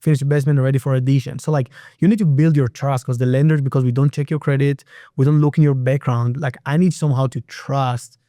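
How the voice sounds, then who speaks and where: A private real estate lender from Israel, speaking with an Israeli accent as a native Hebrew speaker, talks through lending as a guest on a laid-back podcast. He's a fast talker with a warm, steady, mid-range voice and restarts often. The clean studio sound has no room tone.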